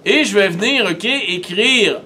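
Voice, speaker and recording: High-voiced Québécois teacher demonstrating steps. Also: male voice, expressive, measured pace, sharp tone, a little hiss or hum. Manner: methodical, step-by-step, talks through each click. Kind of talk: screen-recorded software tutorial.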